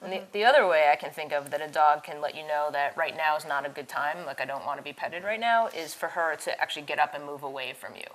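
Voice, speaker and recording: Low, bright-voiced woman explaining. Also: fast talker, few pauses, low-quality recording. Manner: explanatory, checks in with "right?". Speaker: dog owner and guest. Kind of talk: casual educational chat.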